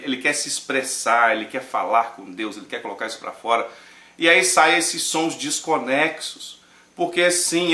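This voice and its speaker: A man with a Brazilian Portuguese accent giving casual sermon-style commentary, joking and swinging between loud and hushed. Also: on the high side, echoey room. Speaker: pastor and show host.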